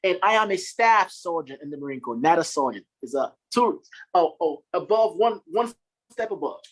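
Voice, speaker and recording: Here a Marine staff sergeant from Haiti, in his thirties, appears as a podcast guest in casual interview talk. His voice is on the high side and expressive, at a moderate pace, and he sounds earnest and upbeat, laughing easily.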